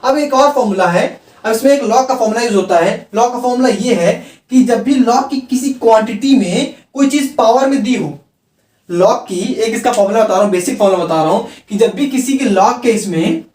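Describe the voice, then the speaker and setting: A man's voice: very high-pitched, moderate pace, a little mellow. A male teacher giving a chemistry lecture, repeating key terms and asking and answering his own questions. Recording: roomy sound from a distant mic.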